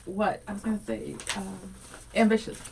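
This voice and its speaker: A woman from Ohio in her thirties co-hosting a morning radio show, bubbly and excitable, reading listener comments aloud. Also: medium pitch, moderate pace, slight background noise, poor audio. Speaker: radio co-host. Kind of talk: casual morning radio chat.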